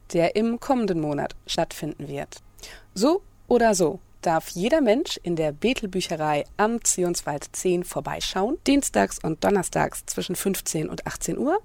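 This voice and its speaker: Low, gravelly-voiced woman reading a radio feature. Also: a little mellow, no room sound. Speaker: radio reporter. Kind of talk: scripted radio feature narration.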